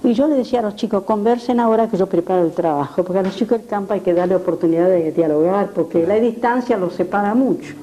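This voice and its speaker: A woman's voice: medium pitch, fast talker, hardly any pauses, poor audio. Older woman telling stories. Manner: animated, acts out quoted voices. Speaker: retired schoolteacher interviewed. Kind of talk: storytelling in an interview.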